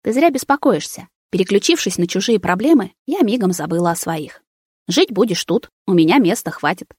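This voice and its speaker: A woman's voice: lowish voice, expressive, fairly quick, darkish tone, slightly rough, no room sound, clean studio sound. A woman narrating a first-person story as an audiobook, reading every character's lines in her own voice.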